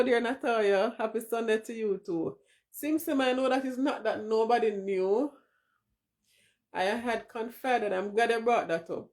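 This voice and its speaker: A woman's voice: mid-range voice, darkish tone. A woman in her forties with a Jamaican accent, hosting a casual livestream, talking openly and emotionally and slipping into patois as she answers viewers. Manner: emotional, switches into patois, talks to viewers in chat. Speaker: livestream host.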